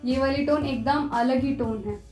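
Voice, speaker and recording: A woman art teacher talking through a step-by-step pencil shading tutorial, patient and repetitive, softly guiding the viewer. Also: high voice, steady tone. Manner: patient, repeats instructions, soft and unhurried. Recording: echoey room with faint music.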